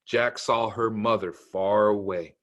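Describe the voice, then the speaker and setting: A man's voice: on the low side, steady tone, takes it slowly, a bit bright, muffled recording. A man narrating a children's storybook aloud, in simple storytelling meant for kids. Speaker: camp executive director reading to children.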